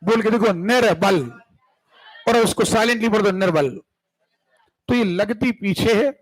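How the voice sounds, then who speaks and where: A man's voice: high voice, measured pace, some chatter behind, poor audio. A man teaching a Hindi grammar class, explaining word by word and often checking whether the students follow. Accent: central Indian Hindi. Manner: keeps checking the class with "clear hai?" and "sun rahe ho?". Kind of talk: classroom lecture.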